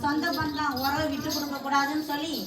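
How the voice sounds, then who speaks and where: A woman's voice: sits high, completely flat delivery, quick pace, recorded from a distance, a crowd in the background, natural voice. A woman playing a pregnant child bride in a Tamil street-theatre play, who laments and pleads. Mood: lamenting. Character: pregnant child bride, sorrowful young girl. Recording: roomy outdoor stage recording from afar.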